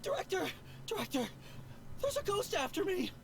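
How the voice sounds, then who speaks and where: Jumpy, high-voiced young undertaker acted by a woman. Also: very animated, moderate pace, gravelly, full character voice. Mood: terrified, pleading. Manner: fearful, pleading, stammering. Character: timid, jumpy young male rookie undertaker. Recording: game audio with background noise.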